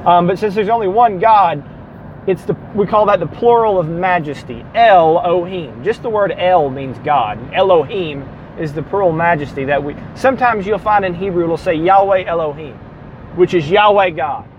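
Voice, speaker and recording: A man's voice: high-pitched, normal speed, dull audio, a little hiss or hum. A man with a Southern US accent giving a classroom lecture on the Bible, explaining step by step, spelling out letters and correcting himself as he goes. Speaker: Bible teacher.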